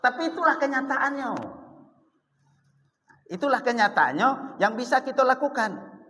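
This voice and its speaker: A man's voice: very high voice, expressive, moderate pace, pushed and bright. A man preaching a mosque sermon, asking the congregation questions and acting out dialogue. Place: large mosque hall. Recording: long hall reverb.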